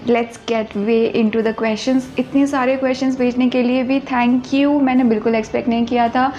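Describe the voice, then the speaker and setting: A woman in her 20s, with a fairly high, slightly mellow voice and cut-off highs, is a YouTuber answering viewer questions in a birthday Q&A vlog. She chats casually, mixes Hindi with English, and is talkative and self-deprecating.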